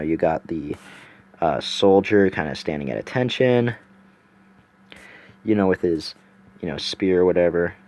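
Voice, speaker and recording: Low-voiced man telling a story while sketching. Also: darkish tone. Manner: rambling, filler-heavy, thinking aloud. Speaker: storyteller and artist.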